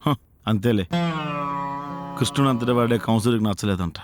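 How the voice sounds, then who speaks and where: A man's voice: lowish voice, normal speed, over music, lightly acted. An actor playing a sarcastic young man who mocks his roommate and his old landlord. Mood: teasing. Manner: wisecracking, mocking. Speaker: lead comic actor in a web series.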